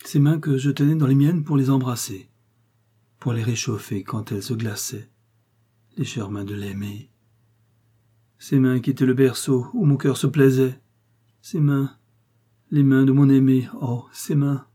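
A man's voice: lowish voice, slow, long pauses, dark tone, breathy edge, full character voice. A man voicing a grief-stricken lover mourning his dead beloved, who laments in rising, pleading cries. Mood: tender grief. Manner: sobbing lament, rising to cries and wild laughter. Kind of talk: audiobook character reading.

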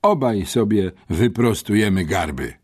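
A man voicing a calm, self-assured teenage boy full of ideas. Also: lowish voice, a little slow, slightly rough. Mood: confident. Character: calm unflappable teenage boy, confident schemer.

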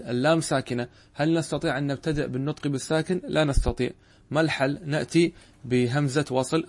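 Brief: male grammar teacher, mid-pitched voice, patient and explanatory, repeats key points. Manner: measured, checks understanding with rhetorical questions. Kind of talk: classroom lesson explaining a text.

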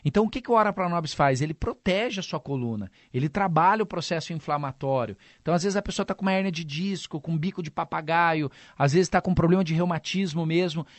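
A Brazilian man giving a conversational, salesman-like radio infomercial pitch, often turning to his co-host. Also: quick pace, hardly any pauses, no room sound. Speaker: supplement pitchman.

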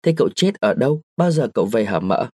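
A man's voice: medium pitch, very animated, fast, darkish tone, slightly rough, dry recording, studio quality. A man voicing a pampered small boy who coaxes and pleads in a babyish way. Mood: wheedling.

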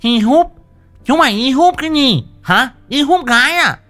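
A hulking bully of a neighbor woman who bellows and threatens, her words mangled by a thick lisp, as a woman acts her out for a ghost-story audio drama. The voice rides high and swings wildly up and down. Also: expressive, normal speed, fairly bright tone, soft background music. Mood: furious. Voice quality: mispronouncing, lisping speech.

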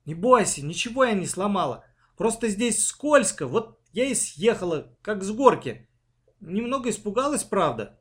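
A man's voice: high voice, big pitch swings, moderate pace, fairly bright tone, pitched above the performer's own voice. A man voicing a bold, bossy young girl who snaps commands in a storybook reading. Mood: cocky. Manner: snappy, commanding.

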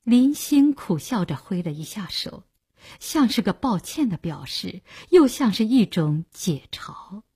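A woman narrating a novel in a measured storytelling reading. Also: medium pitch, big pitch swings, dark tone, husky.

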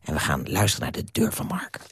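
A man's voice: low voice, huge pitch swings, fast talker, a bit bright, slightly rough, no echo, clean studio sound. A man presenting a radio program, introducing items in a playful, chatty way. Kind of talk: radio announcing.

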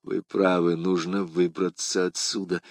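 A man's voice: low voice, little pitch movement, unhurried, dry recording, pitched below the performer's own voice. D'Artagnan, a man playing an ardent young swordsman. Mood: resolute. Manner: eager, exclamatory. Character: young ardent male swordsman, proud and lovestruck.

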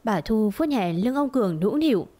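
A woman's voice: on the high side, expressive, moderate pace, warm tone. A woman narrating a family drama story in a scripted, dramatic telling.

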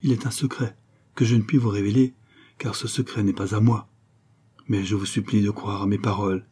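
A man's voice: fairly low pitch, fairly even intonation, brisk, mellow, husky. A man reading an audiobook, voicing a proud and resolute young Spanish noblewoman who pleads earnestly and speaks firmly. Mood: pleading. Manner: earnest and pleading, then firm.

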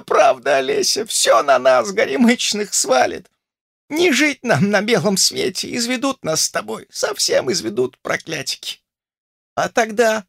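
Brief: old village crone, read by a man, mumbling, high, swooping, grumbling storybook voice. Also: creaky, fairly bright tone, no room sound, studio quality, heavily acted. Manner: toothless mumble, lamenting and cursing.

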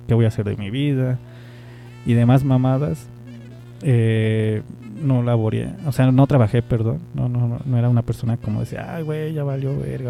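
A man's voice: medium pitch, vocal fry, dark tone. A man with a Mexican accent, casually telling a personal story in a rambling, slangy way and laughing often. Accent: Mexican Spanish. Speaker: amateur radio-style host.

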